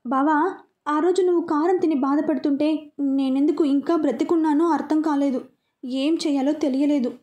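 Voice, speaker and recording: Hurt young wife pleading and scolding, woman reading her lines, high mellow voice. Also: fairly even intonation, normal speed, close to an everyday voice. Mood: reproachful. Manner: pleading, reproachful. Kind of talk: audio story reading.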